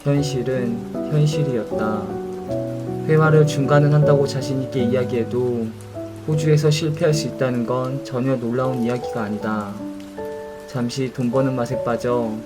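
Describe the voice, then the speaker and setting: A young man narrating a scripted reflection in a calm, introspective way. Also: mid-range voice, normal speed, loud music behind the voice.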